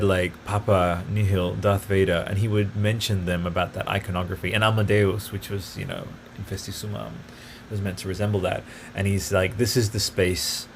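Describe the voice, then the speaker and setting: A man with a fairly low voice hosts his own podcast, rambling eagerly from one tangent to the next. He speaks in a loose, casual way with plenty of fillers. A faint background noise sits under the recording. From grew up partly in Italy. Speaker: podcast host. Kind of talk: casual solo podcast talk.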